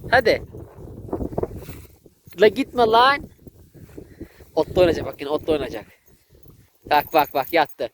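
A man, vlogging outdoors in a village and excitedly calling to a dog. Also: a little high, a little slow, pauses often, noisy background. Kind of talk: casual vlog commentary.

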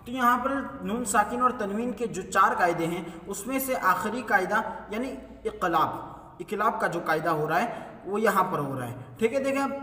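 A man's voice: sits high, bright, forceful tone. A man teaching a step-by-step recitation lesson, who asks himself questions and then answers them. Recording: echoey hall, mic far off.

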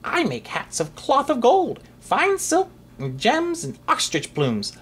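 A storyteller voicing a pompous male royal hatmaker, boastful and sneering, with a breathy high voice. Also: wildly swooping pitch, a bit bright, exaggerated voice. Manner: boastful, sneering, drawn-out words.

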